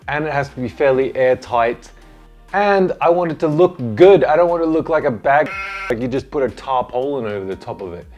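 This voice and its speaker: A man's voice: a little high, darkish tone, highs cut off. A man presenting a DIY build in casual vlog chat, with a jokey, self-deprecating way of talking.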